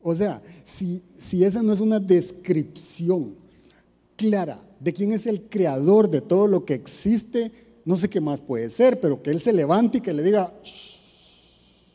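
A man preaching in a relaxed, conversational way, with a somewhat raised pitch. His tone is very mellow and husky, and it rings with a long hall reverb. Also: a little slow. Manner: asks the audience rhetorical questions. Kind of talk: conversational sermon talk.

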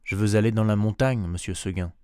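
A man voicing a gentle but stubborn young female goat who speaks softly and quietly insists. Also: lowish voice, fairly even intonation, fairly quick, clear, resonant tone, no room sound, clean studio sound, lightly acted. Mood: insistent.

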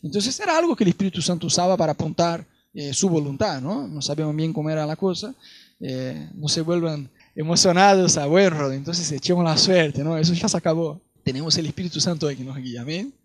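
Animated Rioplatense preacher, high voice. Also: male voice, fast talker, dry recording. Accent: Rioplatense Spanish. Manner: animated, laughing storyteller, voices quoted people. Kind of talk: sermon with personal storytelling.

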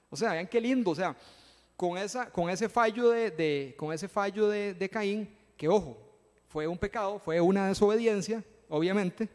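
A man's voice: high-pitched, a little mellow, long reverb tail. A man giving a casual, conversational sermon in a church, acting out Bible figures in slang. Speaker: preacher. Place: church hall.

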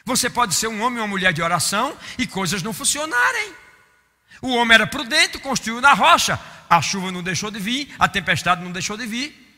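A man preaching a sermon, impassioned, swinging from loud exclamations to quiet mock-weary asides. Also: high-pitched, lively intonation, a little fast. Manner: impassioned, rising to shouts and dropping to mock-weary murmurs. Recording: long hall reverb.

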